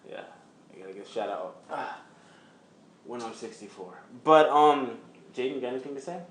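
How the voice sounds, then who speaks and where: A young man hosting a casual podcast chat, joking and teasing his friends, with sudden loud bursts of mock outrage. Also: mid-range voice, normal speed, slight background noise. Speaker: podcast host. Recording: roomy room echo.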